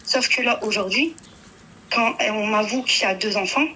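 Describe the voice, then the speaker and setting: A young woman calling a radio show, shaken and hesitant, halting with many fillers. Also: medium pitch, bright, forceful tone, husky, rough recording. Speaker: caller. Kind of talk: phone-in confession.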